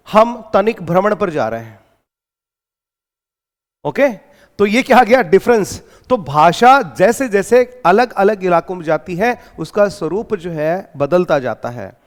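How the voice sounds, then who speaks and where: A man's voice: sits high, long reverb tail. An Indian man with an Indian accent giving an exam-prep lecture, explaining and then answering his own questions. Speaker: exam-prep English teacher. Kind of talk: lecture in Hindi mixed with English terms.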